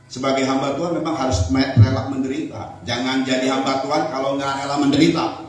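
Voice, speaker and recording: A male pastor with an Indonesian accent preaching a Pentecostal sermon in a church hall, moving from soft, intimate talk to shouted exhortation. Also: medium pitch, steady tone, fairly quick. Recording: echoey church hall, mic at a distance.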